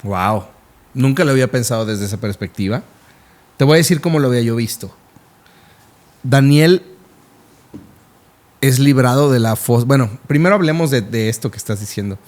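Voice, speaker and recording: A man's voice: medium pitch, moderate pace, long pauses, a little mellow. Man, podcast co-host, conversational Bible teaching, agreeable and explanatory. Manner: affirming, explains scripture in a conversational way. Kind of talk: casual Bible discussion.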